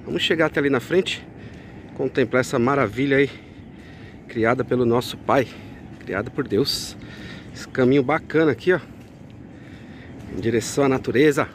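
A man's voice: medium pitch, moderate pace, long pauses, slight background noise. Chatty São man vlogging outdoors. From Brazil. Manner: chatty, keeps addressing viewers as friends. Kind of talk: casual walking vlog. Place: outdoors at a street market and a beach.

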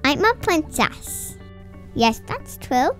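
A high, sing-song little princess pleads and pouts in a storybook, as a woman puts her on. Her voice bounces up and down and comes slowly. Music plays clearly behind her. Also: very animated, heavily acted. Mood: pleading. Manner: pouting, pleading. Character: stubborn little girl princess, grumpy.

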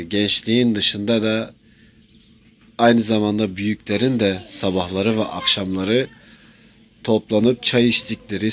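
Man presenting, slightly noisy recording. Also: fairly low pitch. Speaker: presenter of a local promotional video. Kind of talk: promotional narration, semi-improvised. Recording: noisy on-location sound with ambience.

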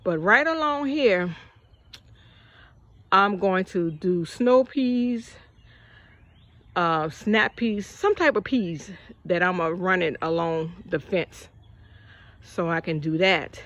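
A woman's voice: fairly low pitch, slow pace, long pauses, fairly bright tone, no room sound. Breathless older woman touring her garden. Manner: chatty, folksy, addresses viewers as y'all. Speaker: gardening vlogger. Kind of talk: casual garden walkthrough. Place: outdoor backyard garden.

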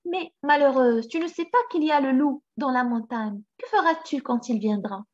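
A woman's voice: sits high, normal speed, a little mellow. A woman doing a fretful old goat farmer. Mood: pleading. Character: kindly, worried old male goat farmer. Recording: slightly dull recording.

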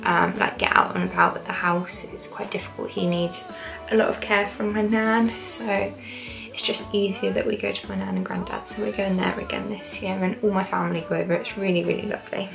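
A young British woman talks casually to camera at home. Her medium-pitched voice has plenty of vocal fry, and music plays clearly behind her. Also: little pitch movement, a little fast, hardly any pauses. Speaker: vlogger. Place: small living room at home, indoors. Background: background music.

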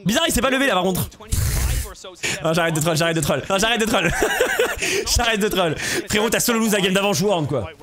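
A man co-casting an esports match on his stream, animated, swearing and shouting at plays while talking to his chat. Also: high voice, brisk. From Portugal. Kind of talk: excitable casual commentary. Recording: crowd noise from match stream behind.

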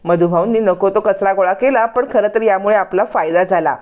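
A woman's voice: medium pitch, a little fast, narrow, tinny audio. A woman retelling a television serial episode in a casual storytelling way, voicing each character's lines herself. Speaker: serial recap narrator.

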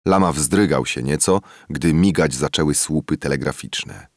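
A man narrating a classic novel as an audiobook, in a measured, expressive storytelling manner. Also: extremely low pitch, dry recording, clean studio sound.

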